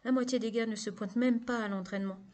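A woman's voice: fairly high pitch, steady tone, fast talker, darkish tone, voice pushed up, lightly acted. A woman voicing an earnest, matter-of-fact teenage boy who plays football, in a storybook reading. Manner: matter-of-fact, slightly defensive.

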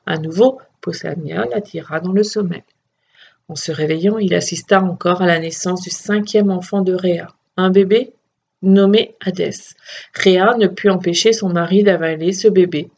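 A woman narrates a children's myth story with a steady, expressive reading voice. Her tone is husky and fairly low. The recording sounds dull and lo-fi. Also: normal speed.

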